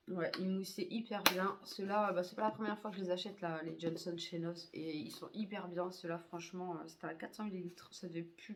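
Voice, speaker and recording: A woman's voice: on the low side, noisy background. A woman reviewing used-up beauty products in a chatty way, full of hesitations and fillers. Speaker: beauty vlogger.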